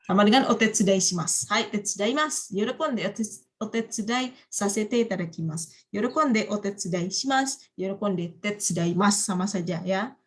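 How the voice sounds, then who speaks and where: A woman's voice: mid-range voice, normal speed, hardly any pauses. A woman teaching a university Japanese class online, prompting students to finish each phrase. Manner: coaxing students to complete phrases. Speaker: Japanese language lecturer.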